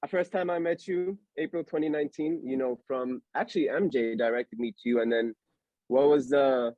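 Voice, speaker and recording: A young adult man from Allentown, Pennsylvania hosts a podcast, chatting casually in a rambling, slangy way full of fillers. His voice is mid-range at a normal speed, and the lo-fi recording has no echo.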